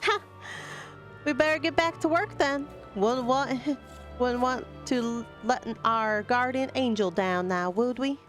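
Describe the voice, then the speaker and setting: A woman putting on a hearty, rough-spoken forest worker. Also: fairly high pitch, a little slow, faint music behind, natural voice. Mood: cheerful. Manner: earthy dialect with rough exclamations. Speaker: game streamer reading dialogue aloud. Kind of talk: reading video game dialogue in character voices.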